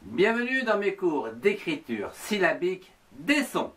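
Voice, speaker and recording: A man's voice: high-pitched, very animated, measured pace, fairly bright tone, husky. A man with a French accent teaching handwriting, spelling out words letter by letter and sounding out each syllable. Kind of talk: slow spelled-out handwriting lesson.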